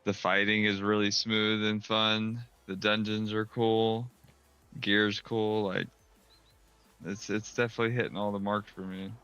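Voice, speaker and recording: A man's voice: fairly low pitch, flat delivery, unhurried, fairly bright tone, clear, resonant tone. A man chatting over a voice call, easygoing and rambling about a game he likes. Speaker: cousin on voice call. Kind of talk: casual chat over voice call. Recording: dull voice-chat audio.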